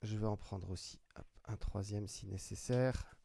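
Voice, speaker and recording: A man hosts a trading card break, giving live commentary as he opens packs and announcing each pulled player by name one by one. His voice is somewhat low, steady, moderately paced, creaky and mellow. He's chatty, with fillers and restarts.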